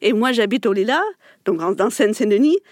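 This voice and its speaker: A woman's voice: medium pitch, a little fast, no echo, studio quality. A woman speaking as a guest, talking in a hesitant, wry way.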